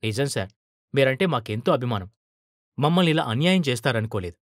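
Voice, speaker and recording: A man's voice: medium pitch, expressive, fast talker, no room sound, studio quality, close to an everyday voice. A man voicing monstrous, clawed male reporters who plead and reproach in a fable-like audio story. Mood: reproachful.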